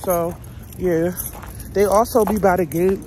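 Fairly low-pitched and unhurried, a young woman chats from her car for a casual vlog, loose and blunt with plenty of swearing, rambling along animatedly. There's background noise.

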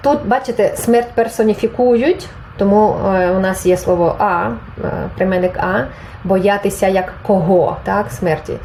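A woman's voice: mid-range voice, moderate pace, darkish tone, slight background noise, poor audio. A woman teaching a Spanish grammar lesson, patiently explaining and reading example phrases aloud, then translating them. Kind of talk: online language lesson.

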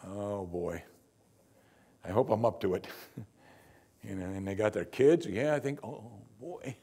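In a lively yet wry and conversational way, an older man preaches a sermon from his church's pulpit as its pastor. He speaks unhurriedly in a husky voice on the low side, recorded on a lapel mic.

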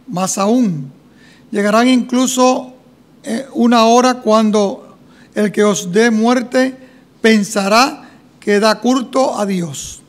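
A middle-aged or older man reading and praying solemnly as a clergyman, in measured declamatory phrases, with a church echo. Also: sits high. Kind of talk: solemn liturgical reading and prayer. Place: church sanctuary at a lectern microphone, congregation present.

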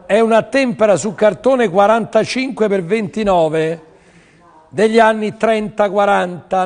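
A man's voice: sits high, darkish tone, big-room sound. A man selling paintings on a TV auction, pushing buyers and repeating his lines to urge them on. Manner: pushy, urging, repeats phrases. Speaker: TV art sales presenter. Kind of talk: televised art auction pitch.

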